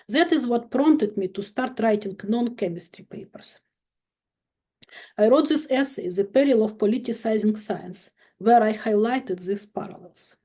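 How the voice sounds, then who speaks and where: A woman in her fifties from Ukraine, a chemistry professor giving a measured, emphatic recorded lecture with dry irony. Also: a little high, warm tone.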